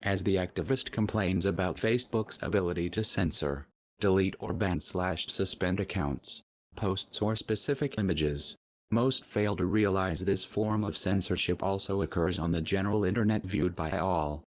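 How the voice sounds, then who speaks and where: A disguised, artificially deepened male voice, very low and heavy. He reads a scripted message in a solemn, measured, declamatory way. The audio is dull and lo-fi, with a dry, close sound and no room around it. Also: dry recording. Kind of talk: scripted narration of a protest message.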